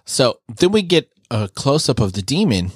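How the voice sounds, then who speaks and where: A man co-hosting a podcast, chatting casually about an anime episode and quickly acting out the characters' lines. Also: mid-range voice, husky, no room sound, studio quality. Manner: relaxed, acts out characters' lines in quick impressions. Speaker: podcast co-host.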